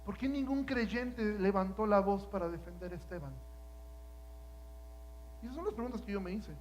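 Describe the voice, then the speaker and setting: A man preaching a sermon, swinging from hushed, low passages to loud, climbing ones and pressing the listeners with rhetorical questions. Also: moderate pace, slight background noise, rough recording.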